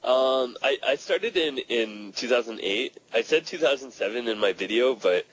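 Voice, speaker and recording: A man's voice: mid-range voice, expressive, moderate pace, a bit bright, slightly rough, rough recording. A man, a poker player guest, answering with many ums and likes. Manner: hesitant, lots of ums and likes. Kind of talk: casual interview answers.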